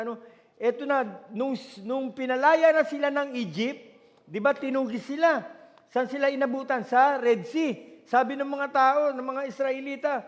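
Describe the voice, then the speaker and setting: High-voiced Filipino pastor in an echoing hall. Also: male voice. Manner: mixes Tagalog and English, searches for words aloud, rises to shouted declarations. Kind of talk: sermon. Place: church hall. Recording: long church hall reverb.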